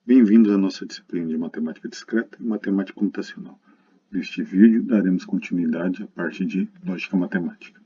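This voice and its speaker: A Brazilian lecturer gives a recorded math lesson, explaining didactically and addressing students directly. His low, dark, husky voice moves quickly, and the lo-fi recording sounds dull and muffled.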